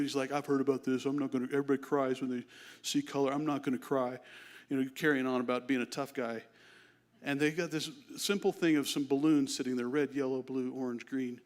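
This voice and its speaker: A middle-aged man preaching a sermon in a relaxed, conversational way, telling lively stories to the congregation. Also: mid-range voice. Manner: conversational, animated storytelling. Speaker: guest preacher.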